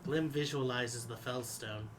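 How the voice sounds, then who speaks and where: A man's voice: mid-range voice, measured pace. A man joking casually as a player in a tabletop game. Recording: noisy room with ambience.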